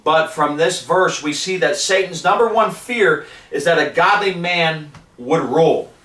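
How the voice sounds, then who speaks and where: A fervent male preacher with a rather high voice delivers a sermon in a living room. He is captured from a distance, so his voice sounds roomy and open. He reads scripture and drives his points home. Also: a little slow, pushed and bright. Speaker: street preacher. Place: living room with wood paneling. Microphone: far camera.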